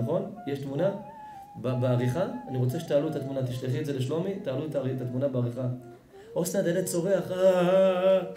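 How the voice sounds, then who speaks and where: A man, a rabbi, giving an emotional sermon, swinging between loud outbursts and hushed storytelling. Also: mid-range voice. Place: synagogue or event hall. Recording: echoey hall with music behind.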